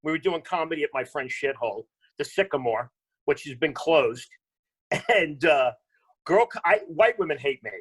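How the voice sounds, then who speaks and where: A man's voice: a little high, moderate pace, slightly rough. Blunt, profane man telling stories. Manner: profane, blunt, animated storyteller. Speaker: comedian guest. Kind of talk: casual podcast chat, storytelling.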